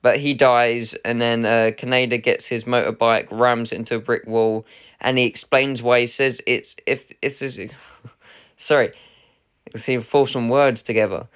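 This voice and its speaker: A man's voice: medium pitch, steady tone, unhurried, fairly bright tone, clean tone. A man hosting his own unboxing video, talking in a casual, rambling way with lots of hesitations and self-corrections. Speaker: channel host unboxing a film collector's edition.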